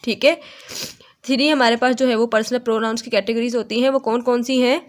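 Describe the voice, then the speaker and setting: A woman gives an online grammar lesson in a slightly high voice. She talks slowly and stops often with "theek hai" to check her students are following. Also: fairly even intonation. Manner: slow, explaining with frequent "theek hai" checks. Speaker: English teacher.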